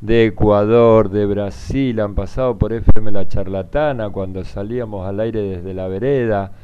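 A man hosting a community radio show, talking casually and haltingly with many fillers. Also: on the low side, mellow. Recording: dull lo-fi radio sound, faint hiss.

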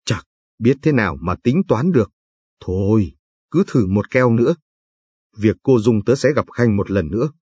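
A man's voice: fairly low pitch, expressive, normal speed, a little mellow, husky, dry recording. A man reading the part of a dreamy young artist friend, musing and offhand, in an audiobook narration. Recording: dry, faint background music.

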